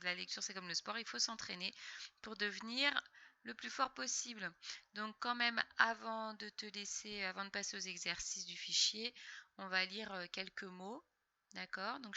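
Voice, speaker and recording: A woman's voice: medium pitch, creaky, pushed and bright, dry recording. Patient woman teacher sounding out syllables. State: slightly sore throat. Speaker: primary school teacher. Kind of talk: recorded reading lesson for young children.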